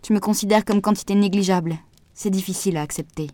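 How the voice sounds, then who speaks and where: A woman's voice: medium pitch, steady tone, fast talker, dark tone, close to an everyday voice. A woman voicing an insecure, hopeful young woman in an audiobook, pleading and a little raised. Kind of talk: audiobook dialogue reading.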